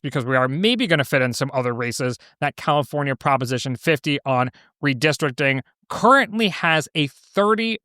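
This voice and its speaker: A man's voice: mid-range voice, bright, forceful tone, no room sound, clean studio sound. An American man in his thirties hosting a podcast with casual, conversational political commentary. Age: 30s. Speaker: podcast host.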